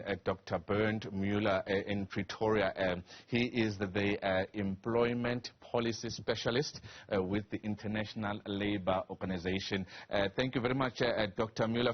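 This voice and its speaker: A man hosting a TV news interview as business editor, setting up questions with figures in a measured way. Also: on the low side, steady tone, lo-fi sound.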